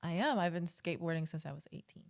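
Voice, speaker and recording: Woman, 30s, from Texas, calm and matter-of-fact guest, lowish voice, dry sound. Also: fast, vocal fry, no room sound. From Texas, USA. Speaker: podcast guest, model. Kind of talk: casual chat.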